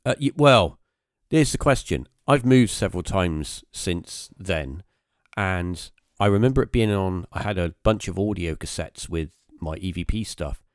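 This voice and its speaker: A man's voice: low voice, lively intonation, a little slow, no echo, studio quality. A man, hosting a podcast and recounting a story casually, rambling with many fillers and restarts. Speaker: podcast host.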